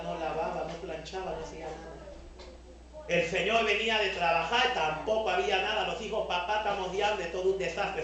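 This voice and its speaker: Peruvian guy preaching a sermon, high sharp voice, acts out voices, big echoey church hall. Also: slight background noise. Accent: Peruvian Spanish. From Peru. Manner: animated preaching, acting out quoted voices. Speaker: pastor. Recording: echoey hall, mic at a distance.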